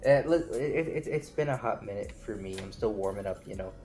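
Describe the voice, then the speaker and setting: Low-voiced man who stammers. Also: animated, brisk, over music. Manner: stammers with many repeated words. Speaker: player. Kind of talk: casual actual-play chat.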